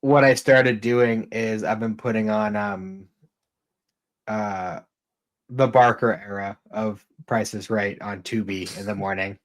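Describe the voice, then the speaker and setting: A man's voice: fairly low pitch, steady tone, slow. Rambling, swearing man on a podcast. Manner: rambling, swears often, many fillers. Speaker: podcast co-host. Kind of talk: casual chat.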